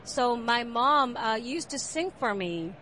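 A woman musician with a Korean accent, answering interview questions about her music, soft-spoken with many fillers. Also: on the high side, expressive, slow, a little hiss or hum. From South Korea. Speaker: jazz pianist and composer. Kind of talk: interview at a jazz fair.

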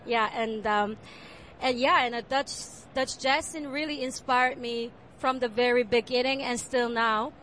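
A woman musician with a Korean accent, answering interview questions about her music, soft-spoken with many fillers. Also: fairly high pitch, steady tone, unhurried, slight background noise. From South Korea. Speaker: jazz pianist and composer. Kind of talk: interview at a jazz fair.

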